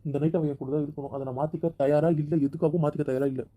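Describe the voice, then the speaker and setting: A man's voice: a little high, steady tone, rapid-fire, mellow, lightly acted. A man playing a possessive, hot-tempered young husband who keeps demanding that his wife come back to their room, in an amateur audio drama. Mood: stubborn. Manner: insistent, stubborn, repeats his demands.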